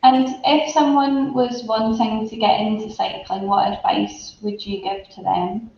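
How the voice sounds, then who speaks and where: A woman's voice: on the high side, flat delivery, a little slow, gravelly, darkish tone. A woman hosting a casual interview, asking questions in a conversational way. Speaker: interviewer, host. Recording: echoey room, dull audio, noisy background.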